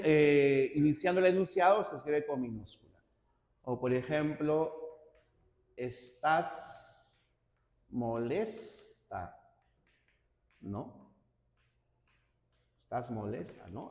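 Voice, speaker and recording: A man teaching a class, slow and deliberate, often checking in with his students. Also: a little high, a little mellow. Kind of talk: classroom lecture. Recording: roomy hall with long reverb.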